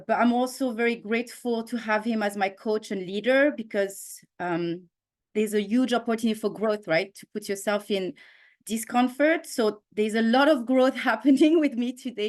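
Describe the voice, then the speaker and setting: A woman from Switzerland presents to a team over a video call in a cheerful, chatty way. Her voice sits a little high. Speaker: guest speaker.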